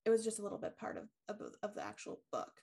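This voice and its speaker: Woman podcast co-host, casual storytelling, gravelly voice, chatty with frequent fillers. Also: mid-range voice, very animated, quick pace, dark tone. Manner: chatty, many ums and likes, laughs easily.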